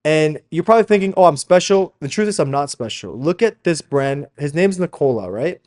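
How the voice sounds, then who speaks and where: An expressive, brisk, slightly high voice with a darkish tone belongs to a fashion brand founder and coach giving a motivational sales video. Born in Slovakia and moved to Canada as a young child, this Slovak speaker is emphatic and informal, addressing listeners as "guys" with constant tag questions.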